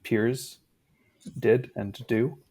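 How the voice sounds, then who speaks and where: A man in his thirties, a guest in a casual conversation, talking in a reflective, unhurried way with fillers. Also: medium pitch, steady tone, mellow.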